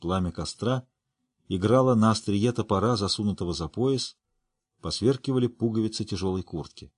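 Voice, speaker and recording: A man narrating an audiobook in a steady storytelling manner. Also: on the low side, normal speed, breathy edge, no echo, clean studio sound. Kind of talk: scripted narration.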